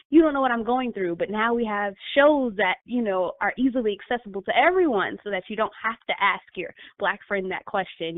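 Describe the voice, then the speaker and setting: A life coach appearing as a guest in a casual interview thinks aloud, restarting often and using many fillers. Her voice is medium-pitched, and the dry recording has a tinny phone-line quality.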